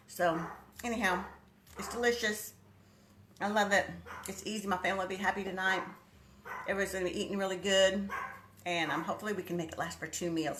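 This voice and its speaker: A woman hosting a casual cooking livestream talks with viewers by name in her home kitchen, her Texan accent marking her as from Texas. She has a lowish, fairly bright voice, and a little hiss or hum is audible.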